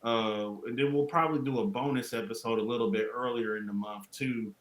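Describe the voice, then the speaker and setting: A man co-hosting a podcast in casual chat, relaxed and laughing along, with hesitant fillers. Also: mid-range voice, brisk. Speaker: podcast co-host. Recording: echoey room with faint noise.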